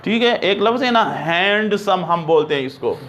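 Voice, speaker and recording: A man teaching an English grammar lesson, reading example sentences slowly and often checking that his students understand. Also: high voice, animated, fairly bright tone, a little hiss or hum. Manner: explains in Urdu, reads English examples slowly.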